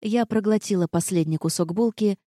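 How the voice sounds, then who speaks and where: A woman reading a fantasy story aloud in the first person, calm and even in her storytelling. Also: mid-range voice, brisk, no echo, clean studio sound. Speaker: audiobook narrator. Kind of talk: first-person audiobook narration.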